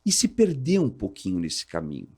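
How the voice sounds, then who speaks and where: Animated man in his forties, explaining. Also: moderate pace, breathy edge. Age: 40s. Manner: animated, explanatory, jumps high when quoting others. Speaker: fire department officer, guest. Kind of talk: casual interview talk.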